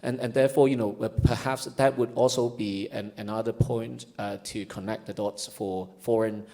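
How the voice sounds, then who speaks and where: A man's voice: fairly low pitch, fairly even intonation, moderate pace, vocal fry, warm tone. A man speaking as a conference panelist in a hesitant way, with many fillers. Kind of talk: panel discussion.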